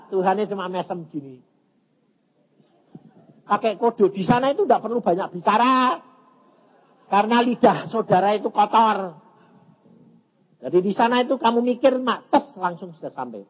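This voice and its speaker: A man in his eighties with a Javanese accent, preaching a story-filled sermon and acting out dialogue in many voices. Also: high-pitched. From Indonesia. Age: 80s. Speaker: evangelist preacher. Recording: muffled lo-fi sermon recording.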